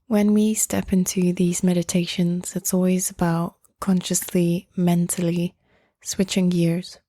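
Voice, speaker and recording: In a soft, mellow voice held very level in pitch, a woman guides a slow, soothing meditation. She talks gently and very slowly, with long pauses between phrases, and the sound is close and dry.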